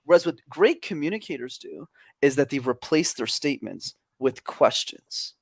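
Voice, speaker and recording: A young man from Canada, a podcast guest, telling stories in energetic, extroverted casual chat. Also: medium pitch, moderate pace, gravelly, breathy edge, no echo, studio quality.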